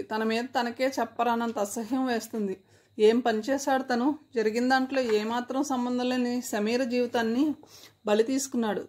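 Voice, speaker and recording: Female storyteller, fairly high voice, expressive dramatic narration. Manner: steady, expressive reading.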